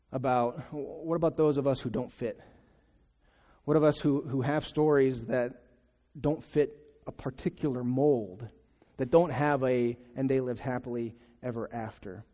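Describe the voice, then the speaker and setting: A man's voice: mid-range voice, dark tone. Man preaching in a reverberant hall. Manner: conversational, halting with repeated restarts. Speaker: pastor. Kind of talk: sermon. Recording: long reverb of a large hall.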